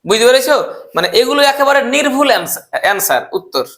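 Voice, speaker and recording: A man with a high voice teaches spelling. He poses a question, then answers it himself, and works through each word letter by letter. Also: sing-song, fast talker, fairly bright tone. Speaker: English teacher. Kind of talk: explaining spelling step by step.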